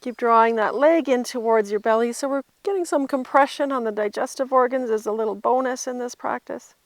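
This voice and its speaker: A woman leads a guided yoga class in a fairly high-pitched voice. She cues each movement gently while doing the poses herself. The sound is dry, with very little room echo. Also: brisk. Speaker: yoga instructor.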